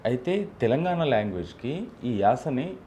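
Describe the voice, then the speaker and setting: Mellow-voiced male interviewer. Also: medium pitch, sing-song, unhurried, a little hiss or hum. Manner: short prompts and long questions. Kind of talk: interview questions.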